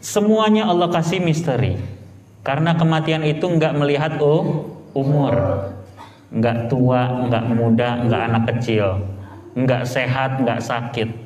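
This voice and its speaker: A man's voice: medium pitch, measured pace. A man preaching an informal sermon, joking and asking the audience questions. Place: prayer room. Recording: echoey hall with crowd.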